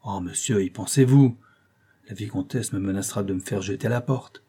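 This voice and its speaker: A man's voice: on the low side, brisk, mellow, breathy edge. A man reading an audiobook, voicing a fussy male couturier who protests but obeys reluctantly. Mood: protesting.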